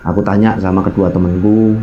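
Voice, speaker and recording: Low-pitched and flat, this Javanese-accented man moves briskly through the tale of his mountain hike, captured on dull audio with some faint noise behind. He's an informal storyteller who addresses his audience, acts out dialogue, and mixes in local terms.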